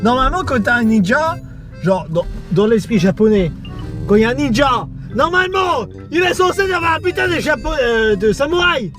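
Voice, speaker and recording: A man's voice: very high voice, very animated, moderate pace, fairly bright tone, faint music behind. A man talking casually and drunkenly, rambling through a film recap in repetitive, sweary slang and losing his thread. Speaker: video host.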